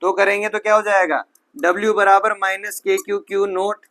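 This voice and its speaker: A man's voice: high voice, level tone, unhurried, pushed and bright. A man teaching physics, talking students through each step with rhetorical questions, sometimes correcting himself mid-sentence. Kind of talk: whiteboard physics lecture.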